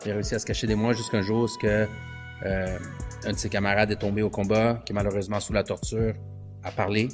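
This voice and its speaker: A man's voice: on the low side, little pitch movement, quick pace, faint music behind. A man with a Quebec French accent telling his story in a casual conversation, slipping English slang into his French. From Canada. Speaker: guest.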